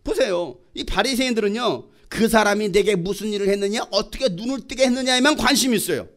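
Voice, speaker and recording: A man preaching a sermon as pastor, questioning the congregation and acting out quoted exchanges in a lively way. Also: high voice, fast talker.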